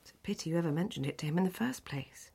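Breathy, anxious, placating wife. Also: female voice, on the low side, lively intonation, very fast, mellow, full character voice. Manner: subdued, conciliatory. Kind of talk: naturalistic radio soap acting.

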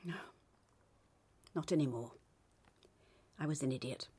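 An actress playing a remorseful woman who confesses to her partner, speaking softly and hesitantly and sometimes sinking to a near whisper. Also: extremely low pitch, measured pace, breathy edge, exaggerated voice. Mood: pleading. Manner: soft, hesitant and pleading, often dropping to a near whisper. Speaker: actor in a radio drama. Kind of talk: radio drama acting.

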